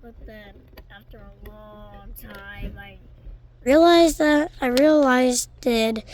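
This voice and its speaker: A woman's voice: a little high, expressive, slow, a little mellow. A woman vlogging casually through an unboxing, rambling with lots of restarts, her voice stuffy from allergies.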